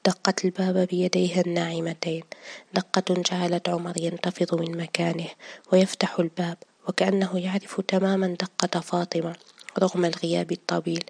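A woman reading a story aloud in a soft, partly whispered way. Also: on the low side, flat delivery, a little fast, gravelly, slightly rough. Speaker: narrator. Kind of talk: scripted story narration.

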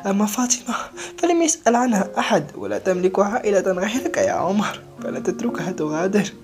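A woman's voice: mid-range voice, fairly quick, a little mellow, pitched above the performer's own voice, lightly acted. A woman voicing an orphanage directress who pleads emphatically in a raised voice. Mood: urgent pleading. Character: stern older orphanage directress, urgent.

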